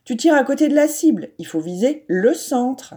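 A woman doing a helpful, bossy schoolgirl in a read-aloud storybook, pitched very high and loud. She coaches insistently, with a warm, mellow edge. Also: animated, normal speed. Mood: urgent.

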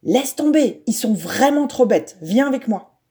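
A woman's voice: medium pitch, unhurried, natural voice. A woman voicing a small, skinny, chatty schoolboy in a read-aloud storybook. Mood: reassuring. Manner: lively, chatty.

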